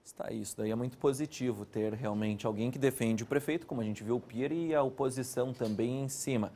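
A man presenting a local TV news program from the studio, chatting between reports in a brisk, conversational way. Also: medium pitch, mellow, a little hiss or hum. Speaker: news anchor.

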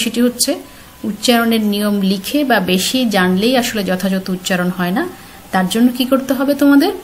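A woman teacher giving a slide-based pronunciation lesson, speaking clearly and patiently and putting questions straight to her students. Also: on the high side, a little hiss or hum.

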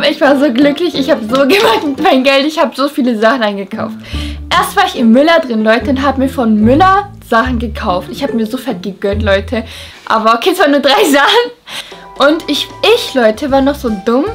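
A young woman telling a personal story in casual chat, lively and often calling out to her viewers. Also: high voice.

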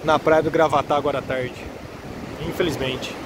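Strolling a windy beach boardwalk outdoors, a man records a walking vlog on his phone, keeping his commentary easygoing and frequently addressing his viewers. He speaks at a moderate pace in a slightly high voice, with waves, wind, and passing traffic loud on the phone mic.

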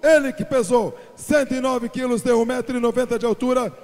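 A man with a Brazilian accent giving a booming, formal stage introduction as a fight announcer, drawing out shouted names. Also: steady tone, fairly quick. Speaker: cage-side ring announcer. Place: fight cage in a large venue. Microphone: handheld microphone. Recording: echoey PA in a hall.

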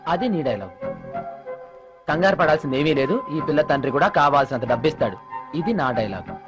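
A man's voice: fairly high pitch, expressive, a little fast, loud music behind the voice, lightly acted. A young man playing a cheeky film hero, mocking his family in comic dialogue.

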